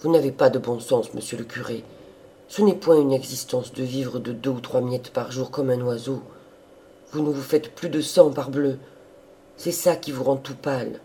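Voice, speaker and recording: A man voicing a gruff, bossy old female servant with a loud, scolding manner. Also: medium pitch, brisk, few pauses, slight background noise, natural voice.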